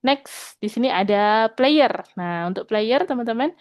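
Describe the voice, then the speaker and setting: A woman teaching an online programming lesson. She speaks patiently, keeps checking in with her students, and slows down when she reads out code. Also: a little high, lively intonation, clear, resonant tone, no echo.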